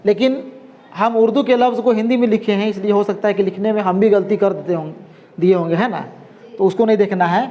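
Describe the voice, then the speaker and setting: A man with a notably high voice teaching a language class. He repeats words patiently, sounds them out and keeps checking that his students follow him. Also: steady tone, fairly quick, dark tone, dull audio. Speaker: Urdu teacher.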